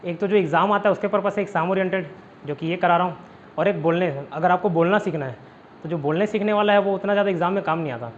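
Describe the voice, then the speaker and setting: High-voiced teacher, chatty. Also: male voice, fast talker. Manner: chatty, keeps checking in with students. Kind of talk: online class lecture. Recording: dull lo-fi audio with faint noise.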